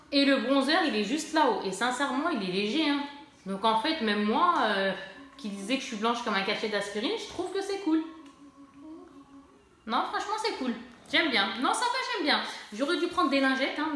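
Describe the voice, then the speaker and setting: A beauty vlogger chats through a casual shopping haul, poking fun at herself and often searching for her words. Her voice is a little high with a sharp tone, and the very echoey room carries a slight hiss or hum.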